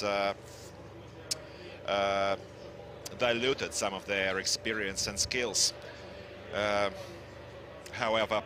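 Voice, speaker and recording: A man giving live sports commentary on a tank competition in formal, halting English. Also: lowish voice, noisy background.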